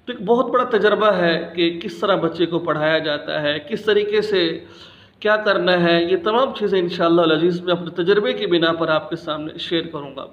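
A man in his thirties gives an alphabet lesson for Quran reading, explaining patiently and drawing out each letter slowly so it can be repeated. His voice sits high for a man. The recording rings in an echoey room and sounds slightly dull and muffled. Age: 30s. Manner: slow, drawn-out letter pronunciations for repetition. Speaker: Quran teacher.

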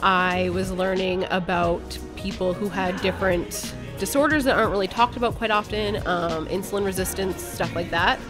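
A woman's voice: mid-range voice, steady tone, normal speed, few pauses. Candid woman speaking her mind, mid-range voice, music going in the background. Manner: swears casually. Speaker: podcast guest. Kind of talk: telling a personal story in conversation.

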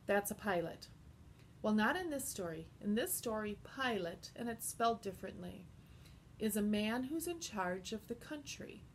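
Woman teaching a kids' bible lesson, slow and expressive storyteller, mid-pitched, a bit of hiss.

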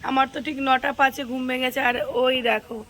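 A middle-aged woman with a hoarse voice, chatting to viewers in a casual home vlog. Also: sits high, flat delivery, fairly quick, pushed and bright, a little hiss or hum. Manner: chatty, addresses viewers directly. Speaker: vlogger. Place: family home, in and out of doors.

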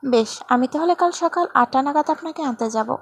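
A woman's voice: sits high, moderate pace, a little hiss or hum. A woman reading a story voices a playful, teasing young man in a story.

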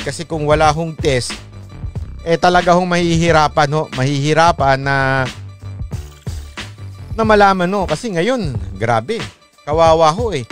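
A man with a slightly raised voice rambles through casual commentary, peppering his talk with polite little asides and chuckling at his own remarks. Soft music plays faintly underneath him. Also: on the high side.

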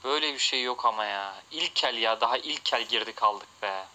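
A man's voice: medium pitch, brisk, bright, forceful tone, rough recording. A man streaming slot games live, reacting with constant cursing and frustrated outbursts.

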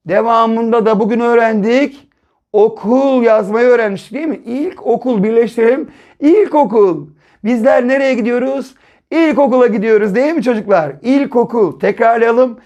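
A male primary school teacher giving a first-grade reading lesson, sounding out syllables slowly and asking the children questions. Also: very high voice, darkish tone. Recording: dull lo-fi recording.

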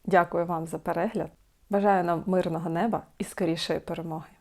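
Woman, slightly low pitch, calm, coaching, self-help video talk, asks questions. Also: brisk. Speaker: support group host.

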